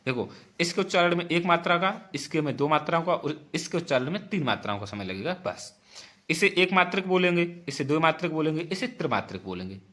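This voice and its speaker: A man's voice: fairly high pitch, fairly bright tone. A man teaching an exam-prep grammar lesson, explaining patiently, repeating points and putting questions to the class.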